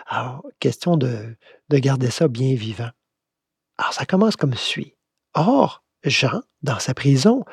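A man's voice: medium pitch, creaky, darkish tone, slightly rough, no room sound, studio quality. A man with a Québécois accent gives a conversational Bible commentary, reflective and questioning as he reads and explains. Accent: Québécois French. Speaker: spiritual teacher.

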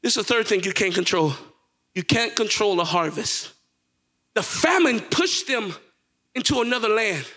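A young man preaching a sermon in a church, calling out to the congregation and rising into shouted preaching. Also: high-pitched, expressive, normal speed, long pauses.

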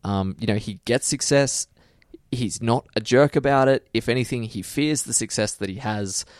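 A man's voice: medium pitch, normal speed, no echo, studio quality. A man in his twenties co-hosting a podcast in casual chat, telling stories that ramble and correct themselves. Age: 20s. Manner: rambling, self-correcting storyteller. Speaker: podcast co-host.

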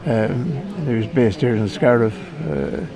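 A man telling a family story in an informal interview, with a hesitant, halting delivery. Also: mid-range voice, animated. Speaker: event attendee being interviewed. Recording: crowd chatter behind the voice. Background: crowd chatter.

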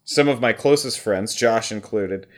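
A man's voice: fairly low pitch, a little slow. A man co-hosting a casual podcast, joking around and rambling playfully as he talks. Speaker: podcast co-host.

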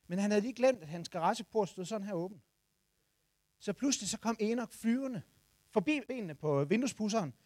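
High-voiced man telling a story. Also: no room sound, studio quality. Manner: animated storytelling, shouts in the tense moments. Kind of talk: personal anecdote told to listeners.

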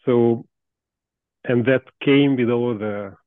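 A man in his fifties with a Hungarian accent, a guest researcher speaking in a casual interview, thoughtful and halting with many restarts and soft laughs. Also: medium pitch, fairly even intonation, no echo. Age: 50s. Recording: dry tinny call audio.

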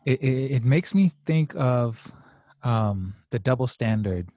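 A man co-hosting a podcast as a clinician, talking through ideas in a thoughtful, measured way with hesitant restarts. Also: medium pitch, lively intonation, warm tone, no echo, studio quality. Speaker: podcast host, clinical social worker. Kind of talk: casual podcast discussion.

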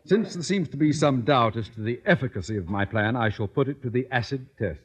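A man's voice: mid-range voice, lively intonation, brisk, breathy edge. A man playing a pompous, irritable middle-aged school principal in old radio comedy, with formal, clipped delivery. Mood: irritated. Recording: dull, very noisy vintage radio broadcast.

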